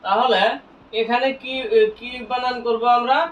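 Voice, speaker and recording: A man teaching Quran reading, who asks each point as a question, answers it himself, and spells out letters slowly. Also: very high-pitched, steady tone, a bit bright. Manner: slow, drawn-out spelling of letters. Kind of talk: classroom lesson with call-and-response questions. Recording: echoey, distant, dull lo-fi room sound.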